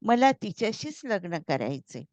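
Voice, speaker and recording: A woman reading as a calm young boss. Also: mid-range voice, measured pace, no echo. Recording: slightly dull, dry recording.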